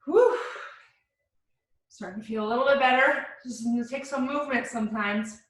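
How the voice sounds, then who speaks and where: A woman's voice: on the high side, fast, fairly bright tone. A woman fitness instructor coaching a live workout in short, encouraging cues and countdowns. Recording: very echoey room, distant mic.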